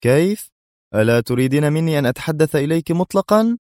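Guy reading as a smug sarcastic spy hero, calm and teasing, dry close sound. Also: on the low side, fairly quick, dry recording, pitched above the performer's own voice, lightly acted. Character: cool sarcastic male secret agent hero.

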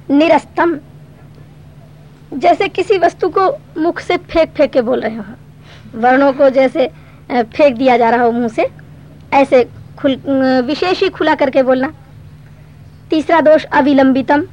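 A woman teaching a Sanskrit grammar lesson, explaining patiently step by step and reciting verse slowly. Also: sits high, darkish tone. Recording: dull lo-fi recording.

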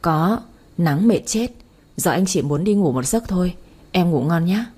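A woman voicing a smooth-talking, lazy young husband who flatters his wife, speaking in a coaxing way. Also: on the low side, unhurried. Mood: offhand. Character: middle-aged man, smooth-talking lazy son-in-law.

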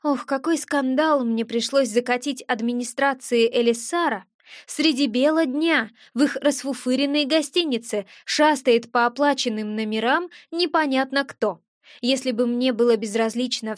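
High-voiced woman narrating a fantasy audiobook. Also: dry recording, studio quality.

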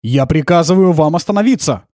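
A man voicing a stubborn male policeman in an audiobook, giving loud, insistent orders. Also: a little high, sing-song, fairly quick, no room sound, studio quality, voice pushed up. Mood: shouting orders.

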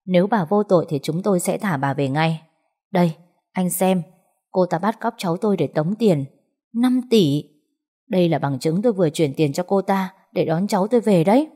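A woman's voice: lowish voice, expressive, normal speed, warm tone. A woman voicing an impatient, wealthy grandmother who speaks sharply and demands things. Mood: indignant.

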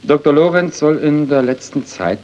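An actor playing a calm male investigator who asks measured, probing questions, in 1930s radio-drama acting. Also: fairly high pitch, natural voice. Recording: dull, hissy 1930s radio recording.

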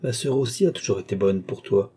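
A kind young nobleman, gentle and coaxing, speaks with quiet concern in a storybook reading, voiced by a man. The voice is low and dark. It has a husky edge. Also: a little fast.

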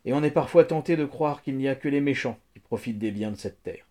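A man reading the lines of a kindly older man who gently counsels a grieving child in a storybook reading. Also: mid-range voice, fast, close to an everyday voice. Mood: earnest. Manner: earnest, soothing counsel.

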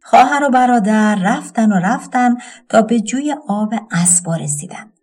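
A woman narrating a folk tale audiobook with an expressive storytelling cadence. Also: a little high.

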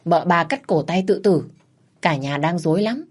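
A woman voicing an eager young female servant girl in a spoken story, gossiping in a hushed, excited way. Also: on the low side, moderate pace.

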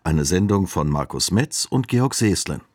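A man announcing a radio program in a slow, deliberate scripted delivery. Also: low-pitched, animated, noisy background.

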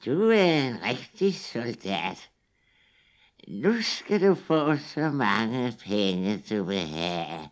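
A man playing a sly, high old witch. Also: big pitch swings. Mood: coaxing. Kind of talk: children's fairy tale reading.

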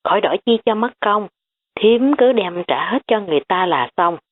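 A woman voicing a spirited, stubborn teenage girl who protests in high, quick outbursts. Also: animated, close to an everyday voice. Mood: protesting. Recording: tinny phone-like audio.

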